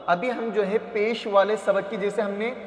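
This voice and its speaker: Male Quran reading teacher, high voice, patient syllable drills, roomy echo. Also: fairly even intonation. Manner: drills letter sounds, repeats each syllable, asks and answers his own questions. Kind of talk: slow classroom recitation lesson. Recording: echoey roomy reverb.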